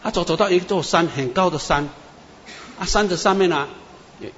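Animated man preacher. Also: high-pitched, moderate pace, slight background noise. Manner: animated storyteller, many "啊" and "哈" tags. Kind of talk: sermon with storytelling. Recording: echoey muffled hall with faint ambience.

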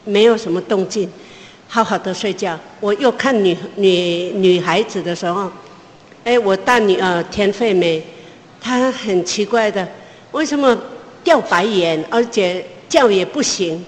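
Woman, mid-pitched voice, emotional testimony, halting restarts, reverberant hall. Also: a little hiss or hum. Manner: pauses and restarts, pitch climbs as she relives the tension. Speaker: mother giving a personal testimony.

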